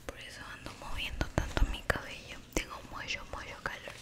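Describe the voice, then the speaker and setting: A woman whispering ASMR talk straight to the listener, soft and affectionate, repeating words slowly. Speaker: ASMR creator. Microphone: close sensitive microphone.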